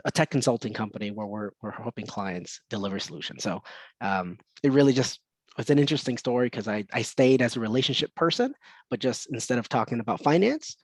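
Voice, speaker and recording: A man on a career panel telling his story in a relaxed way, with lots of ums and uhs. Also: medium pitch, no room sound. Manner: relaxed, many fillers, easygoing. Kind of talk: online panel talk.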